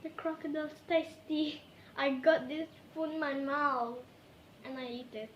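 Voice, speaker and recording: A woman's voice: high voice, steady tone, unhurried, reverberant, lo-fi sound, slight background noise. A woman chatting playfully to her viewers in a silly vlog, giggling and talking to herself as she goes. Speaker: vlogger.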